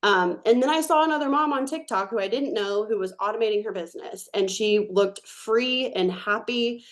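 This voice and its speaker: A woman's voice: fairly high pitch, normal speed. A woman in her thirties presenting on a webinar, earnestly telling her personal story.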